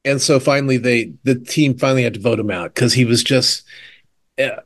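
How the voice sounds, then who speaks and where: Male co-host, mid-pitch, chatty and rambling, casual TV recap talk. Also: fairly quick. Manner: rambling, lots of fillers, animated retelling. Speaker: podcast co-host. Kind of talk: casual chat about TV shows.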